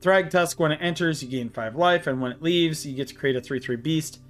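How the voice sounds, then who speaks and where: A slightly high-voiced man walks through a card game deck, reading each card's text aloud with frequent pauses and fillers. He sounds short of breath as he talks. Soft music plays faintly behind him. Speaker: card game channel host. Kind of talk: deck tech walkthrough.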